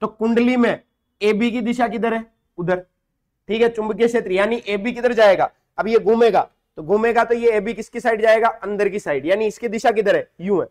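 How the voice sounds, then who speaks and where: Man, physics teacher, classroom lesson, raised pitch, question-and-answer explaining. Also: normal speed. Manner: explains step by step, asks and answers his own questions; calls students "beta".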